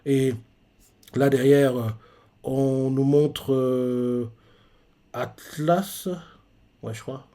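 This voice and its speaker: A man's voice: medium pitch, level tone, drawn-out words, pauses often, mellow. A man casually recapping a manga chapter live, with many fillers and restarts. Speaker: streamer reacting to a manga chapter.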